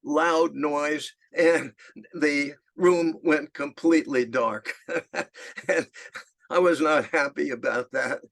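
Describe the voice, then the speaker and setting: A man in his eighties from New York City, with a gravelly voice, telling stories from his childhood and chuckling as he goes. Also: a little high, steady tone, takes it slowly, a bit bright. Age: 80s. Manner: chuckles through his anecdotes. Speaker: narrator recalling his past. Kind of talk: storytelling reminiscence.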